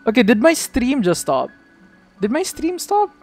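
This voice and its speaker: A man streaming a game, chatting casually and excitably, swearing freely as he talks to his viewers. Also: very high-pitched, unhurried, soft background music. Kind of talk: casual live-stream chat.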